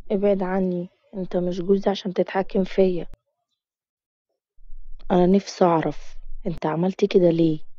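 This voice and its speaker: A woman with an Egyptian accent voicing a hurt, defiant young heroine, speaking softly and pleadingly. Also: on the low side, little pitch movement, moderate pace, pauses often, no room sound, highs cut off, close to an everyday voice.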